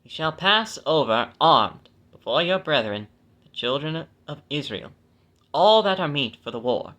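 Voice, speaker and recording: A man's voice: fairly high pitch, very animated, measured pace, bright, forceful tone. A man reading scripture aloud and breaking off for chatty, self-mocking asides, correcting his own stumbles. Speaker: Bible reader.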